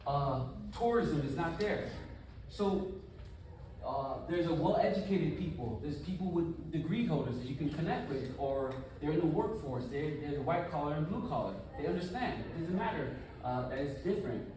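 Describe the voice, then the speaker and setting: A man from the United States giving an animated, conversational conference talk full of rhetorical questions. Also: a little high, normal speed. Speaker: conference speaker. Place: conference hall. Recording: echoey room, from far off.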